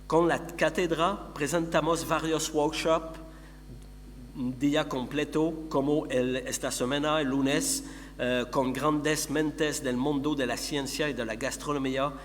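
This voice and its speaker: A middle-aged man from Montreal, Canada, with a Quebec French accent, gives a conference presentation as a company founder and researcher. His voice is fairly high and steady, and he halts while searching for words in his second language. The hall is echoey with long reverb and a background hum.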